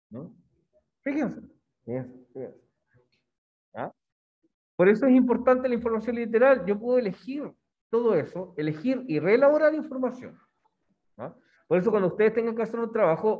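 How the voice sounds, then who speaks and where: A man's voice: high-pitched, phone-quality sound. A male language teacher giving a classroom lesson, coaxing his students with constant questions. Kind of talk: classroom lesson on reading poetry.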